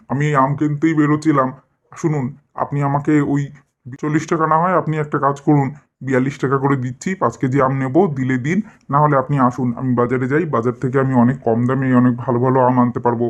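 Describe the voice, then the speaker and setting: A man's voice: medium pitch, close to an everyday voice. A man voicing a village father who haggles impatiently over the price of mangoes. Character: stingy bargaining village father.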